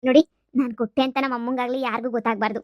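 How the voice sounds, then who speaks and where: A woman voicing a kind-hearted young woman who talks in a hushed, scolding, urgent way in a cartoon comedy. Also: fairly high pitch, little pitch movement, very fast, dry recording, dull audio, close to an everyday voice. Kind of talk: cartoon voice acting.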